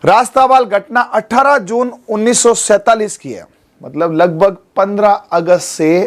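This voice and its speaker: Male coaching teacher in his forties, light high voice, coaxing classroom manner, studio lesson. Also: unhurried. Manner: coaxing, keeps checking with students. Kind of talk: exam coaching class lecture.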